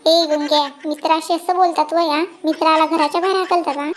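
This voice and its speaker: Someone voicing a squeaky, coaxing cartoon cat friend. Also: level tone, fast, a little hiss or hum. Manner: coaxing, persuasive.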